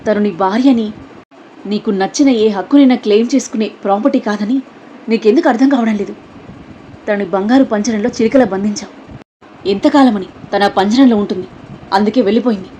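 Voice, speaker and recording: A woman voicing an angry younger brother in an audio story, shouting accusations. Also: mid-range voice, fast talker, lo-fi sound, a little hiss or hum, close to an everyday voice.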